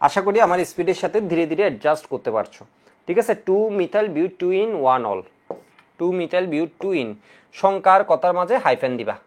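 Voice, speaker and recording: Male chemistry tutor, exam cram lecture, animated, coaxing Q&A delivery. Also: high voice, a little fast. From Bangladesh. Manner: lively, coaxing, asks students questions and answers them himself; repeats key rules in drilling chants. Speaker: chemistry teacher.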